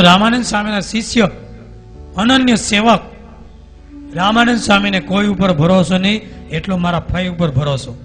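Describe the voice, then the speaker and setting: A man with a Gujarati accent preaching a devotional story sermon, acting out the characters' dialogue as he tells it. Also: sits high. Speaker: swami preacher.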